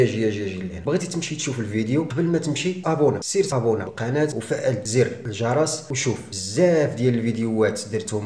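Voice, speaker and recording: Fast-talking Moroccan mechanic, outdoors. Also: male voice, mid-range voice, fairly bright tone, slight background noise. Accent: Moroccan Arabic. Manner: fast, conversational, points things out while working. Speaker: car mechanic channel host. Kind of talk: hands-on instructional walkthrough. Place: outdoors beside a car.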